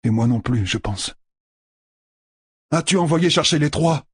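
A man reading an audiobook voices a weary young lord and blacksmith who speaks earnestly and gently. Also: on the high side, lively intonation, a little slow, husky, no echo, studio quality, pitched above the performer's own voice. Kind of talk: audiobook character voice.

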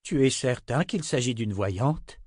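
A man's voice: medium pitch, animated, a little slow, darkish tone, dry recording, clean studio sound. A man reading a fantasy audiobook voices a blunt, sour woman who needles the others with curt questions. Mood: doubtful. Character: sharp-tongued adult woman, blunt and sour.

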